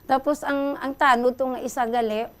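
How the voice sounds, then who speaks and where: A middle-aged Filipina with a Hiligaynon accent, calling in to a radio show and excitedly retelling a story. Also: female voice, sits high, normal speed, clean tone. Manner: excited, breathless retelling, addresses host often. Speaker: caller.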